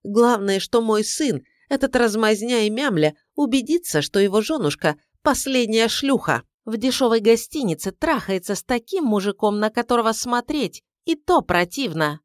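A woman voicing a domineering, scheming middle-aged mother-in-law who scolds in a shrill, indignant voice for an audiobook. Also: big pitch swings, moderate pace, no echo, clean studio sound. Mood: furious. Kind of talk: audiobook character voice.

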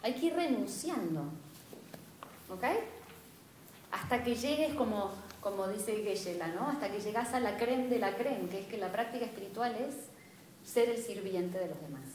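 A woman's voice: medium pitch, animated, moderate pace, a little mellow, slight background noise. A woman with a Rioplatense Spanish accent giving a spiritual class lecture, engaging and often checking in with her students. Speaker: spiritual teacher. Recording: echoey room.

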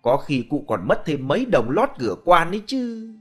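A man's voice: a little high, big pitch swings, normal speed, fairly bright tone, soft background music. A man voicing a cheeky, clever young peasant who mocks a greedy landlord. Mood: mocking. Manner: mocking, sly, playful.

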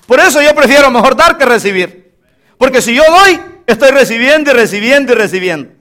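Male pastor, very high pitch, highly animated delivery, emphatic call-and-response sermon. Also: a little fast. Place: church pulpit.

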